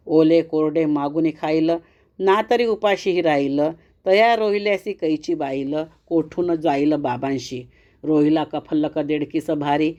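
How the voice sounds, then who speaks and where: A woman reading devotional verse aloud in a slow, measured chanting cadence. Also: low voice, a little mellow. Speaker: devotional reader. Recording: dull lo-fi recording.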